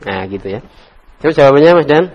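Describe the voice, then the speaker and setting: A man teaching Arabic grammar in a casual classroom lesson, relaxed and joking as he coaxes students by name. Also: mid-range voice, fast talker, dull audio. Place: study circle classroom.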